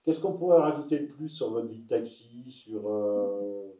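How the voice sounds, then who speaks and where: A man's voice: on the low side, lively intonation, a little slow, distant mic. A man interviews, repeating and rephrasing his questions. He sits away from the mic in a roomy space, and the sound is dull. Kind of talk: oral history interview.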